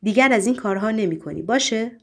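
A woman doing a brisk, bossy henchman. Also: a little high, animated, a bit bright.

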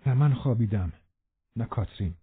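A man reading a novel aloud as a narrator, in a steady, measured way. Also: on the low side, slightly rough, no echo. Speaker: audiobook narrator. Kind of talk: scripted narration. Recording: narrow phone-like band.

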